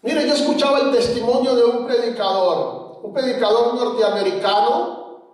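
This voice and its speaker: Very high-voiced pastor, echoey. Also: male voice, moderate pace. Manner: storytelling, addressing the congregation directly. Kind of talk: sermon. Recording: very echoey, from far off the mic.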